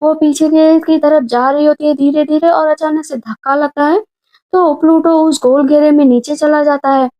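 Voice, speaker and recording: Give me a high-pitched woman casually narrating a movie recap, muffled and lo-fi. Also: little pitch movement. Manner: retells scenes briskly, reading characters' lines in her own voice. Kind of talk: casual plot-retelling narration.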